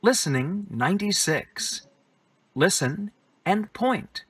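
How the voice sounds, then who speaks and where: Man, course audio announcer, breathy voice, slowish, lively pitch. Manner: announcing track numbers and instructions. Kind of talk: scripted textbook audio.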